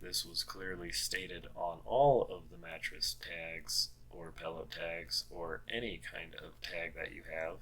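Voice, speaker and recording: Slow, deep-voiced man mulling odd laws. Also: fairly bright tone, low-quality recording. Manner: wry, puzzled, with many fillers and rereads. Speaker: host. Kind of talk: casual commentary reading out laws.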